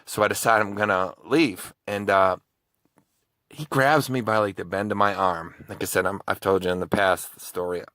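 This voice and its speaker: A man's voice: lowish voice, moderate pace, bright, forceful tone, no echo. A man who hosts true crime videos, telling a personal story in a casual, rambling way with many restarts.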